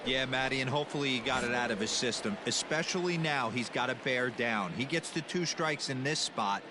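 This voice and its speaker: Casting: male actor as casual baseball analyst, medium pitch, conversational, noisy ballpark behind him. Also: brisk, natural voice. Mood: analytical. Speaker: color commentator. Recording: clear background noise of ballpark ambience.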